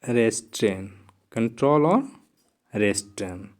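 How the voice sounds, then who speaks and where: Male tutor, slow and deliberate, repeats each word and checks in with short tag questions while writing on a board. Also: on the low side, lively intonation. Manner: writes on a board while explaining. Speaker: teacher. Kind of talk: exam vocabulary lesson.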